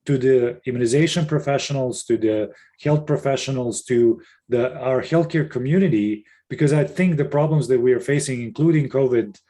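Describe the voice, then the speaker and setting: A man's voice: mid-range voice, normal speed, mellow. A middle-aged man from Serbia, speaking as a professor and panelist on a video-call webinar, earnest and often restarting his sentences. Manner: earnest, with frequent restarts and fillers. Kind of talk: casual webinar talk.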